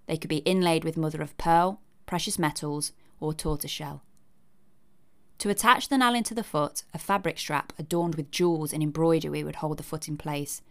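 A woman giving a scripted narration with chatty asides in a wry, cheeky, conversational manner. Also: low voice.

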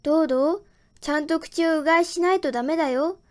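A woman's voice: sits high, fast talker, darkish tone, natural voice. A woman playing a caring mother. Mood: advising. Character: caring mother scolding her child.

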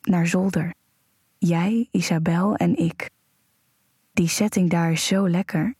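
Husky seductive woman friend coaxing you along, as the narrator puts her on, slow. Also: lowish voice, fairly even intonation, mellow, no echo, studio quality, exaggerated voice. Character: seductive adult woman friend, eager and inviting.

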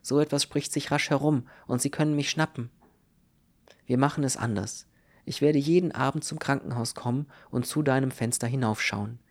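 An earnest, protective young man talks in a calm and reassuring way, as a male reader voices him. His voice sits at an ordinary middle pitch, steady and measured, in an audiobook reading. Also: natural voice.

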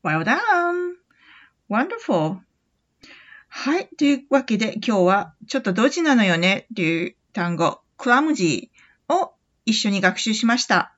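A woman teaching English phrases in a gentle, encouraging manner, explaining them and then reading examples slowly for the listener to repeat. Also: mid-range voice, sing-song. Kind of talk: English lesson podcast. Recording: somewhat dull, lo-fi audio.

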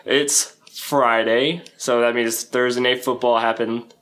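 A man's voice: medium pitch, steady tone, slow pace, a bit bright. A man co-hosting a casual sports podcast, talking in an upbeat, friendly, conversational way. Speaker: co-host.

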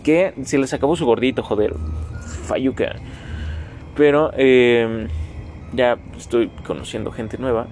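A man's voice: mid-range voice, fairly even intonation, unhurried, pauses often, a little mellow, soft background music. A nineteen-year-old man with a Mexican Spanish accent hosting a casual solo podcast, rambling, self-mocking and swearing freely as he talks straight to his listeners. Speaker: podcast host.

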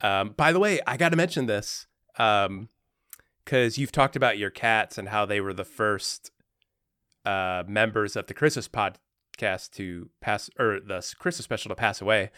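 A man's voice: fairly low pitch, normal speed, bright, forceful tone, smooth, dry recording, studio quality. A young man chatting casually on a podcast, rambling and laid-back with lots of fillers. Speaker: podcast co-host, special guest. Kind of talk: casual chat.

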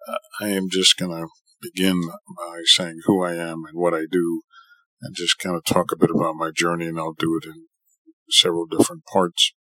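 A middle-aged surgeon and professor from New York City tells his own story as a podcast guest, earnestly rephrasing things for emphasis. His deep voice moves little in pitch and has a bright, forceful tone at a moderate pace. There's no room sound, but the audio is poor.

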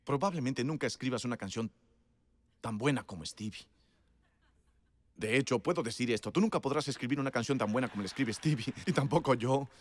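A man's voice: mid-range voice, brisk. A man preaching a sermon in a conversational storytelling way, emphatic and laughing often.

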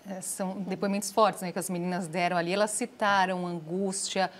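A woman hosting a studio interview, asking measured questions and summing up her guests' points. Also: fairly low pitch, little pitch movement, slight background noise. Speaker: TV host.

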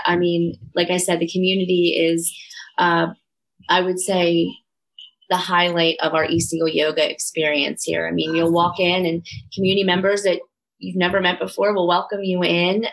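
A woman's voice: on the low side, low-quality recording. A middle-aged woman with a Delco, Philadelphia-area accent chats casually and enthusiastically as an interview guest. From Delaware County, Pennsylvania, US. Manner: earnest, enthusiastic. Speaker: yoga studio owner, interview guest.

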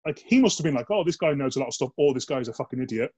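A former soldier tells anecdotes in a casual interview, chatty and blokey, scattering "like" and swear words throughout and acting out the voices in his stories. His medium-pitched voice is expressive, husky and mellow, and he talks at a racing pace. The audio is dull.

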